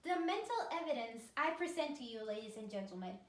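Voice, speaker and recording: A cocky young female prosecutor, played by a woman, who brags about never losing a case. Her voice sits high and bright. The room gives it a noticeable echo. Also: sing-song, a little fast. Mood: confident. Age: young adult. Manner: boastful, brash. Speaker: prosecutor in a mock trial. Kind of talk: amateur courtroom role-play. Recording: roomy echo.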